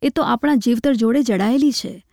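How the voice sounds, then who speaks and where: A woman reading a story aloud, voicing a poor village wife who speaks softly, pleading and tender with her husband. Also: fairly high pitch, normal speed, creaky, dry recording, studio quality.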